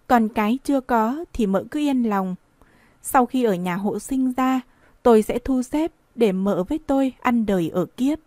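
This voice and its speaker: A woman's voice: a little high, darkish tone, no echo, close to an everyday voice. A woman reading the part of a smug, persuasive older wealthy man in an audiobook.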